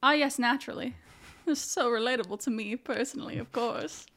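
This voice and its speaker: A woman co-hosting a podcast in casual chat, quick with asides and often laughing. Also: on the high side, a bit bright. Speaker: podcast co-host.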